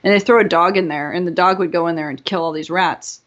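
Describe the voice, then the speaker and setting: A woman's voice: fairly low pitch, fairly even intonation, fast talker. A woman co-hosting a casual podcast, rambling through a history story with giggles and silly put-on quotes. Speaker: podcast co-host. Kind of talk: casual chat.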